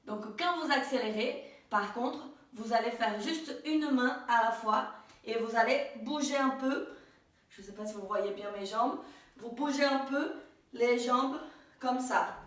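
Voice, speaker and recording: A woman's voice: a little high, a little slow. A young woman teaching a dance step, patiently counting out the beats. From Brazil. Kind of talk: dance tutorial. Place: dance studio. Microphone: far camera mic. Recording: echoey room from far off.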